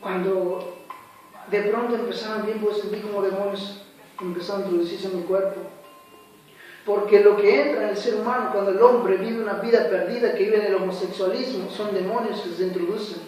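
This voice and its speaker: Guy giving his testimony at church, highish voice, super echoey, faint music behind. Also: steady tone, fairly quick, darkish tone, recorded from a distance. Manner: earnest, dramatic retelling with acted quotes. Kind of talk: spoken personal testimony.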